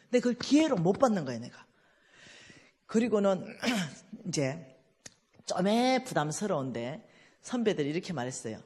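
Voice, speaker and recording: A woman with a Gyeongsang accent giving a lively testimony sermon, acting out the dialogue in her story. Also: on the low side, normal speed, pauses often, husky, long reverb tail. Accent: Gyeongsang Korean. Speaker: church finance speaker.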